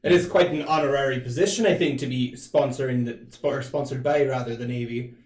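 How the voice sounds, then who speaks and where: Gruff old navy sea captain, played by a man, persuasive haggler for tabletop role-play, echoey sound. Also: medium pitch, fairly quick, a little mellow, close to an everyday voice. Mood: businesslike. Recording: roomy echo.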